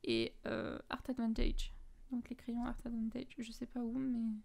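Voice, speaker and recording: A woman's voice: on the high side, very animated, measured pace, gravelly, darkish tone. A woman from France talking casually through her finished coloring pages, listing her art supplies with lots of fillers and self-corrections. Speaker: coloring book vlogger.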